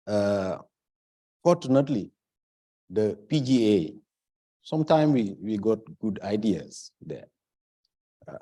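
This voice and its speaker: A man from Senegal speaking on a conference panel, halting at times as he searches for words and stressing his key points. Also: fairly low pitch, mellow.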